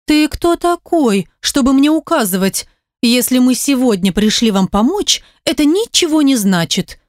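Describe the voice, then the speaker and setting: A woman's voice: sits high, big pitch swings, moderate pace, a little mellow, no room sound, clean studio sound, pitched above the performer's own voice. Lyuda, a woman doing a scornful defiant beauty. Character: bold scornful young woman, sharp-tongued. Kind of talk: audiobook character reading.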